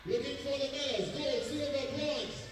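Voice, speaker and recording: A man's voice: very high voice, steady tone, moderate pace. A man working as a stadium announcer at a track meet, making projected, clipped calls over a PA system. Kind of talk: public address announcing and race calling. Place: outdoor athletics stadium. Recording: echoey stadium PA heard from a distance, with music.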